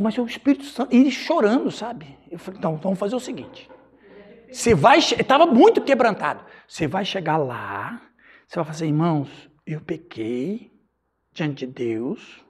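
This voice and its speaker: A Brazilian male pastor telling a story in a Bible study, animated and laughing, acting out dialogue. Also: high-pitched, breathy edge.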